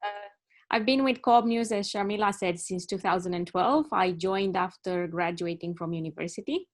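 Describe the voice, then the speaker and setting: A woman in her thirties, from Romania, giving a measured talk as a journalist on a video call and correcting herself as she goes. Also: mid-range voice. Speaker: journalist speaking on a panel.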